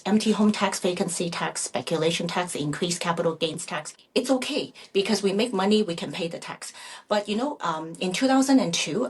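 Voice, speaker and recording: Her voice is fairly low and slightly rough. This middle-aged woman, a native Chinese speaker who grew up in Vancouver, Canada, is a real estate agent guest responding to interview questions in a halting, self-correcting, conversational way.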